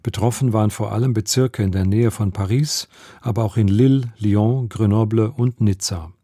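Male newsreader, formal and measured, low mellow voice, dry studio sound. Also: husky, no echo. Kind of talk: scripted radio news reading. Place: radio studio.

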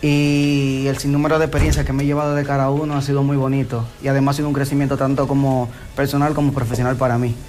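A man's voice: mid-range voice, little pitch movement, quick pace, few pauses, a little mellow. A man from the Dominican Republic who works at the center, speaking reflectively in an interview. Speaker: center worker. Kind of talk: interview testimony.

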